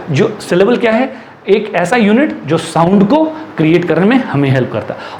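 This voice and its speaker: A high-voiced man teaches a class in Hindi laced with English, repeating each rule slowly as he writes it and asking questions he answers himself. The room is echoey, with a faint hum behind him. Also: darkish tone. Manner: repeats and dictates slowly while writing.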